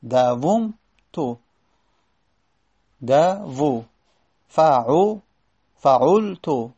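Gravelly man teaching grammar step by step. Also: medium pitch, mellow. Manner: explains step by step, repeating words slowly and drawn out. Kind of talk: classroom lesson.

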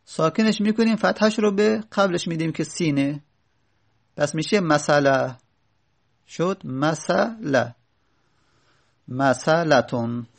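A man teaching a lesson, reading short lines of a grammar text and then explaining them step by step, often asking and answering his own questions. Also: fairly high pitch.

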